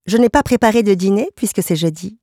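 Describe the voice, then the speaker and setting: A woman's voice: mid-range voice, fast, dark tone, no room sound, clean studio sound, pitched above the performer's own voice, lightly acted. A woman reading an audiobook and voicing a sweet, doting pregnant young wife who is eager to please. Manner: eager and solicitous.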